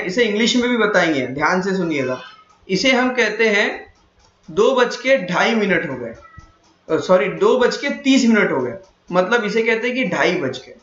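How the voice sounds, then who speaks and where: High-voiced maths teacher, echoey room. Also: male voice, fairly bright tone. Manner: repetitive, checks understanding, self-correcting. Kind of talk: classroom lesson. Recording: echoey room, dull lo-fi sound.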